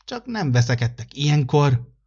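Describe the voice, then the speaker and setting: Man doing gruff old December. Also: on the high side, big pitch swings, muffled recording, pitched above the performer's own voice. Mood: stern. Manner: grumbling, gruff but gentle.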